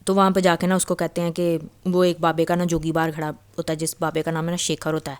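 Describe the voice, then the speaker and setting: A woman's voice: sits low, flat delivery, clear, resonant tone. A woman casually retelling a novel as a storyteller, chatty and loose, with frequent fillers and restarts.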